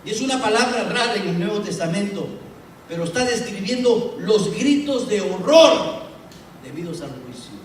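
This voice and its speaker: Dramatic high-voiced preacher man in an echoey church. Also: lively intonation, normal speed, a little hiss or hum. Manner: dramatic, rhetorical questions, swings between loud and soft. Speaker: pastor. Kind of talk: sermon. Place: church sanctuary. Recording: echoey church room from far off.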